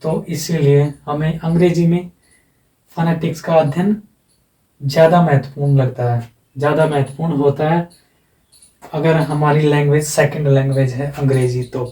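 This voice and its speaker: A man teaching an exam-prep lesson with a somewhat high, mellow voice, patient and repetitive, drawing out each example sound. He is heard from a distance in an echoey room. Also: fairly even intonation, moderate pace, long pauses.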